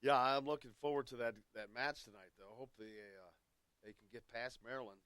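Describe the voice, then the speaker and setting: A man with an American Midwest accent hosting a sports radio show while he has a cold, arguing his points in lively, joking banter. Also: medium pitch, a little fast, smooth, no room sound. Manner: animated, argumentative, jokey.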